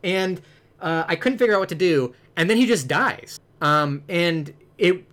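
A man's voice: high voice, expressive, measured pace, a bit bright. A man chatting casually about a video game, rambling and full of "like" fillers, with the odd swear.

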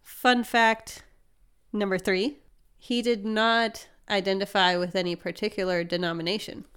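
A woman's voice: medium pitch, fairly even intonation, a little slow, fairly bright tone, clean tone. A woman hosting a podcast, explaining things in an upbeat, conversational way with frequent laughs. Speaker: podcast host. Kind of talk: casual chat.

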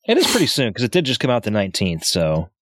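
A man's voice: fairly low pitch, wildly swooping pitch, quick pace, fairly bright tone, no room sound, studio quality. A man co-hosting a casual movie podcast, moving between presenting trivia notes and chatting with friends.

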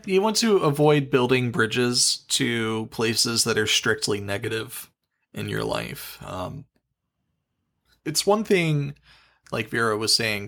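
A man's voice: mid-range voice, gravelly, sharp tone. A man with a mid-range voice co-hosts a casual podcast. He talks earnestly, giving practical advice. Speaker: podcast co-host.

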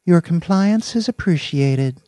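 A man voicing a calm female computer AI that speaks in precise, formal machine diction. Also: on the high side, unhurried, no echo, pitched above the performer's own voice.

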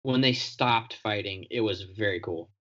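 A man's voice: lowish voice, moderate pace, bright, forceful tone. A man chatting casually with a friend, recapping a show with easy fillers and frequent laughs. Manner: laid-back, laughs often, recaps plot with fillers. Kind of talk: casual chat. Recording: dull lo-fi sound.

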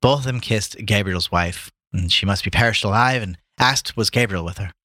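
A man's voice: fairly low pitch, moderate pace, bright, forceful tone, no echo, clean studio sound. A man reading a story aloud to friends in a casual, joking way, stumbling over words and laughing at himself.

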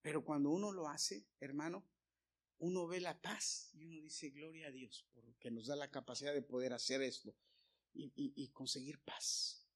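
Male preacher, fairly high voice, loud emphatic calls, then hushed retellings. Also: steady tone, moderate pace. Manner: addresses listeners as brothers. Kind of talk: sermon.

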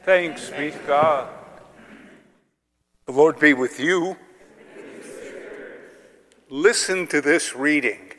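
A man reading the gospel aloud at a liturgy, unhurried and solemn, with pauses, in a long cathedral-like echo. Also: a little high, fairly bright tone. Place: large church. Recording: long reverb of a large church.

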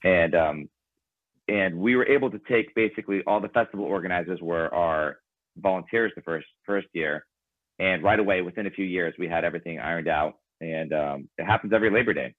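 A man whose first language is Ukrainian talks casually as an interview guest about his band, thoughtful and rambling with fillers. His low voice moves a little fast over a tinny, phone-like line with no room sound.

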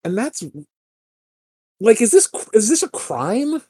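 A man's voice: very high-pitched, sing-song, unhurried, dark tone, breathy edge, dry recording, studio quality. A man co-hosting a podcast, talking in a rambling casual way, full of "like" fillers and the odd swear. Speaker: podcast co-host. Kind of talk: casual political chat.

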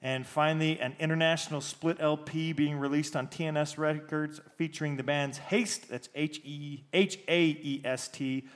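A man's voice: a little high, steady tone, normal speed, hardly any pauses. Man announcing releases in an echoey basement. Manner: informal announcing, spells out names. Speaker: podcast host. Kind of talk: reading a list of new music releases to listeners. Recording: big echo from a bare basement room.

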